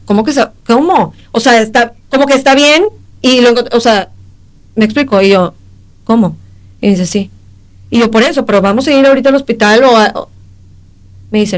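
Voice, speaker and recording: Young adult woman, Mexican accent, slightly high voice; emotional podcast testimony, halting, voices the quoted exchanges. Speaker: podcast guest. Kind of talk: personal testimony in a podcast interview.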